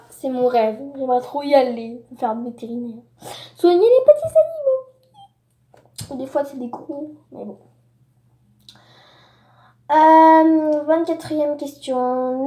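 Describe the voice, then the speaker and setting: A woman's voice: high voice, mellow, echoey room. A woman vlogger from France reading tag questions aloud and answering them in a casual, rambling way with asides. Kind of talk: casual tag-video chat.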